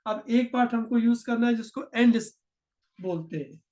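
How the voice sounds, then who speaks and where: Patiently explaining programming step by step in a screen-share tutorial, a man slows down to dictate code and mixes in terms. His voice is very high-pitched and a little mellow.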